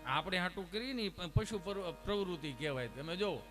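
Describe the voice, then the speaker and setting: A man telling comic folk stories to a live audience, full of lively anecdotes, acted dialogue and rhetorical asides. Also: sits high, normal speed, over music. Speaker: comic storyteller. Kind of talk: Gujarati folk humor storytelling to a live audience. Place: stage at an ashram program.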